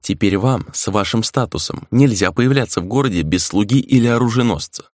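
Brief: indifferent otherworldly spirit, man reading, low voice, close and dry. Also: brisk, darkish tone, no echo, lightly acted. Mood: detached. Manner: cool, indifferent, musing. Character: detached ancient spirit speaking through a girl.

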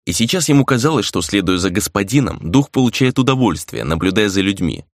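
Low-voiced male audiobook narrator. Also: big pitch swings, a little fast, dry recording, clean studio sound.

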